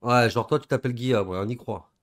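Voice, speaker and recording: A young man from southern France giving casual, slangy reaction commentary with excitable, laughing asides. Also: mid-range voice, quick pace. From southern France, Gard area. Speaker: reaction video host.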